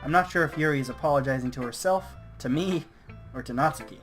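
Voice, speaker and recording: A man's voice: a little high, fast talker, a bit bright, faint music behind, close to an everyday voice. A man voicing an easygoing teen boy protagonist in a let's play, in a plain casual way. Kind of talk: let's play character reading.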